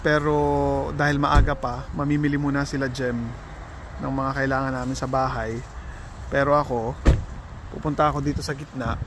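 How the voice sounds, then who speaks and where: A woman's voice: extremely low pitch, steady tone, moderate pace, noisy background. A Filipino woman chatting casually in a family vlog while waiting to eat, stopping now and then to soothe a fussy toddler, recorded on a handheld phone. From Philippines. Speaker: vlogger. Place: public place, waiting to eat.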